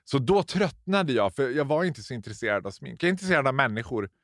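A man, a former drag queen working in cosmetics retail, chatting in an interview as an animated storyteller who mixes in English phrases. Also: no echo, studio quality. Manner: animated storyteller, mimics customers in high voices, laughs often. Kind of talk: casual interview chat.

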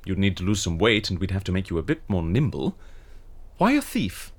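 An eccentric, witty, excitable fixer in an audio drama is voiced by a man with a theatrical, wry delivery. He speaks low-pitched and a little fast, in a wry, negotiating mood.

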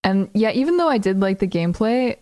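A woman's voice: mid-range voice, sing-song, fairly quick, darkish tone. A woman guest on a podcast, a streamer, talking casually with a wry, joking manner. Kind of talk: casual chat.

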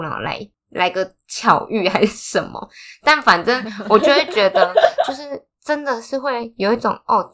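A woman's voice: a little high, pushed and bright. A young woman with a Taiwanese Mandarin accent, co-hosting a podcast, telling a personal story with feeling and laughing as she goes. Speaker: podcast co-host. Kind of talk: casual chat.

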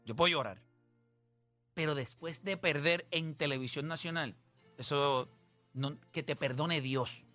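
A man's voice: a little high, a little slow, long pauses, bright, forceful tone, soft background music. A man hosting a casual sports chat, emphatic, repeating himself and laughing often. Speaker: podcast host.

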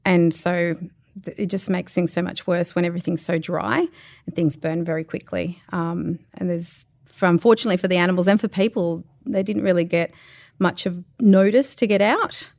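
Australian woman, low voice, measured sober answers, dry close recording. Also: steady tone, vocal fry, a little mellow, no echo. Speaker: animal welfare area manager. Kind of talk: interview answers.

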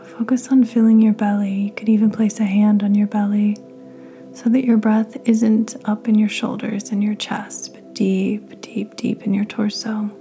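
Woman, guided meditation host, hushed and whispery, very even and flat delivery, slight vocal fry. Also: mid-range voice, soft background music. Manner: soft, half-whispered, slow and soothing. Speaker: podcast host.

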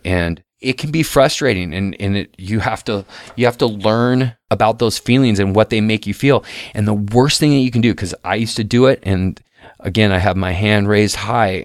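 A middle-aged man with a fairly low, clear and resonant voice speaks casually but earnestly into a close mic, with no echo. He's a podcast guest host sharing advice, often restarting and repeating words.

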